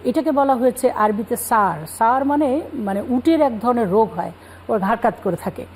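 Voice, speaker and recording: Woman guest scholar, calm explanatory delivery, relaxed tone, light background hiss. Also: on the high side, moderate pace, rough recording. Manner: calm explanatory, cites scripture. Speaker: religious guest speaker. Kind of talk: Islamic talk show explanation.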